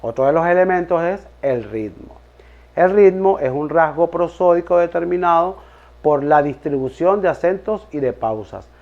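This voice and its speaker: A young man, a law student, reading a class presentation aloud from a script, listing terms one by one in a steady voice. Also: on the high side, lo-fi sound. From Venezuela.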